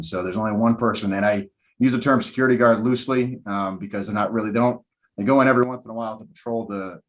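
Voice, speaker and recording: A low-voiced man answers questions at a hearing for the other side, stopping often with ums and false starts. The audio is muffled and lo-fi. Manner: hesitant, many ums and restarts. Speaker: respondent's representative.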